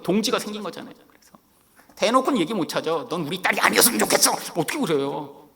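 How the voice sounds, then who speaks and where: A middle-aged Korean man preaching a sermon, telling a personal story in an animated way and acting out the lines he quotes. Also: high voice, gravelly. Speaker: pastor.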